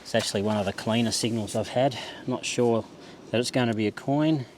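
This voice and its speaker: A man's voice: mid-range voice, brisk. A man giving a laid-back, understated running commentary outdoors on a beach, half talking to himself as he searches, in the casual way of a hobby vlogger. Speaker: metal detecting vlogger. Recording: clear outdoor background noise.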